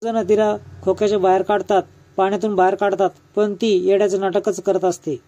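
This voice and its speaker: High-voiced man narrating an even recap. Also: fairly quick, muffled recording. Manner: steady, even retelling with quoted dialogue.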